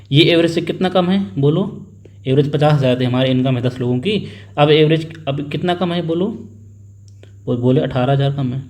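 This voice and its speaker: A man's voice: a little high, a little mellow. Man talking through a maths lesson. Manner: works sums aloud, repeats figures, prompts students to answer; acts out family members in a little story. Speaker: maths teacher. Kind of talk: exam-prep maths lesson.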